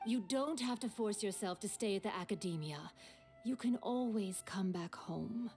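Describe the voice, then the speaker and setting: Soft, mellow, motherly woman, acted for a game. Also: medium pitch, normal speed, faint music behind, natural voice. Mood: gentle concern. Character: gentle, worried middle-aged mother of an adult son. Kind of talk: scripted game voice acting.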